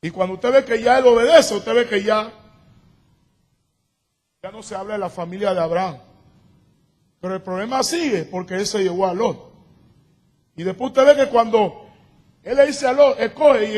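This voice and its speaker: A pastor with a very high-pitched voice preaches a sermon, shifting from calm explanation to shouted, emphatic declarations at times.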